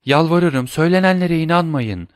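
A man's voice: mid-range voice, animated, moderate pace, dry recording, studio quality, natural voice. A man voicing a terrified young woman in an audiobook, stammering and pleading in fear. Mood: frightened pleading. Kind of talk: audiobook reading.

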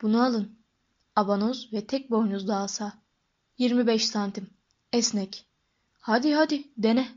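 A woman voicing an eccentric, intense old male wandmaker who speaks in a soft, lowered murmur, in an audiobook. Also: unhurried, pauses often, highs cut off. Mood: brisk, coaxing.

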